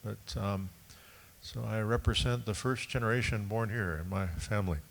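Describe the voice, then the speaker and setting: Gravelly-voiced man introducing himself on a panel. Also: lowish voice, normal speed. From Long Beach, California. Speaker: education director.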